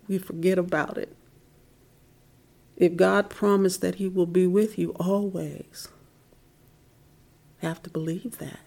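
Gravelly-voiced woman sharing her faith. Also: fairly low pitch. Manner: heartfelt, soft-spoken, drops to whispers. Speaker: interviewee. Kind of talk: personal faith testimony.

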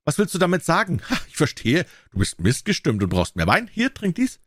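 Brief: bellowing, mocking tyrant king, put on by a male reader, high-pitched and loud, dry close sound. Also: big pitch swings, brisk, dry recording. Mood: furious.

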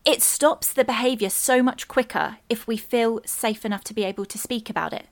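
A woman's voice: fairly high pitch, normal speed. A woman hosting a podcast, asking interview questions in an encouraging way. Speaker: podcast host.

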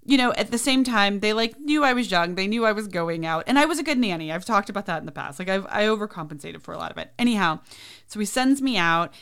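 A woman hosting a podcast, telling a personal story in a chatty, animated way and acting out the voices of people she quotes. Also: mid-range voice, quick pace, clean tone. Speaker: podcast host. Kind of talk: casual storytelling.

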